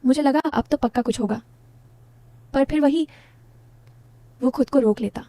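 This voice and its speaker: A woman's voice: high voice, unhurried, dark tone, no echo. A woman narrating a first-person story in an intimate, confiding way, talking straight to her listeners.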